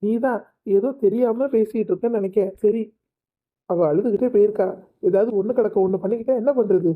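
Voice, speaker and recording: A woman voicing a calm cartoon husband, phone-like sound. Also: mid-range voice, fairly quick, natural voice. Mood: reasoning. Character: calm husband and brother, reasonable. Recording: tinny phone-like audio.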